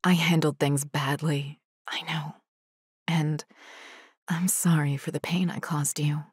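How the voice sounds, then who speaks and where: A cool, distant woman with a guarded, clipped way of speaking, as a woman voices her in an audiobook. Her voice sits fairly low for a woman. She keeps every word at arm's length. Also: expressive, moderate pace, darkish tone. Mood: whispered regret. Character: guarded woman facing her former partner. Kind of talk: audiobook dialogue.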